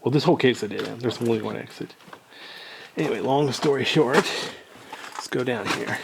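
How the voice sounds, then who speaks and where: Filming himself inside a cave, a man narrates a casual exploration vlog, rambling with dry humor as his voice echoes off the rock. His voice is medium-pitched and creaky at a normal speed, with background noise present.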